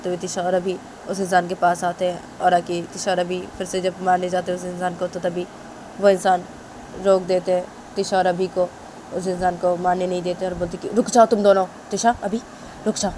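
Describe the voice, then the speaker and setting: A woman's voice: on the low side, monotone, moderate pace, mellow, slight background noise. A woman narrating a story casually, linking events with repeated phrases. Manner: repetitive, links events with "तो तभी".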